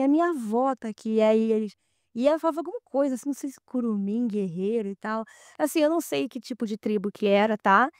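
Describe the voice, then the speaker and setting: A woman with a Brazilian accent, a podcast guest telling a personal story in a casual, animated way and acting out the dialogue. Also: on the high side, clear, resonant tone, no room sound, studio quality. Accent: Brazilian Portuguese.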